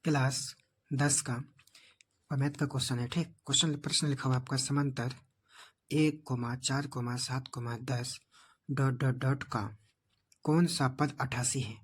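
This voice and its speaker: A math teacher works through exam problems one step at a time, pausing often to check that his students are following. His voice has a husky, slightly breathy edge and sits at an ordinary pitch for a man. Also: flat delivery. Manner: explains step by step, checking with "ठीक". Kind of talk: board exam math lesson.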